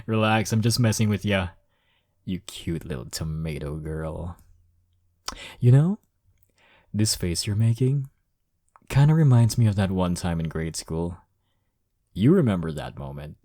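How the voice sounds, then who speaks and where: A man acts a cocky college rival who is smitten with the listener in an intimate romantic audio roleplay. His deep voice stays low and teasing, drawling smugly and flirtatiously with soft chuckles. The recording is dry and clean, studio quality.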